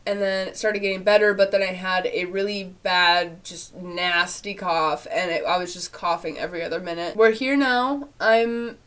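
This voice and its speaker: Speaking in a lowish, fairly even voice that's clean and fairly bright, a young woman answers viewer questions in a casual vlog from her small bedroom. She's congested and nasal after illness, keeps a moderate pace with few pauses, and rambles chattily with lots of fillers and laughter.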